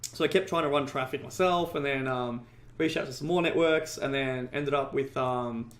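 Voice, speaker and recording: A man's voice: medium pitch, normal speed, a bit bright, echoey room. A man guest in a casual interview, telling a long story with heavy fillers and frequent swearing. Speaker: podcast guest, ecommerce entrepreneur.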